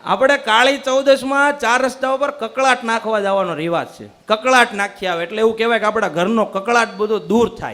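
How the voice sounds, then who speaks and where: High-voiced comedian. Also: male voice, a bit bright. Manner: rapid joke-telling with quoted dialogue. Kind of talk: stand-up comedy storytelling.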